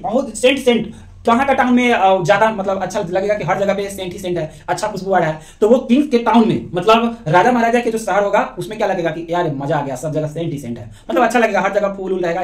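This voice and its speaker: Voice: medium pitch, echoey room. A teacher explaining memory tricks for exam preparation, asking and answering his own questions and telling little stories. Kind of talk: mnemonic lesson for exam prep.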